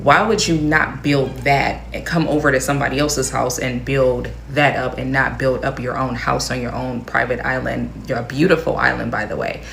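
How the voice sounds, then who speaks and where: A man offers reflective commentary, reasoning aloud in a measured, slightly hesitant way. His voice is gravelly. The room is echoey and faint background noise runs underneath. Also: medium pitch, little pitch movement, a bit bright.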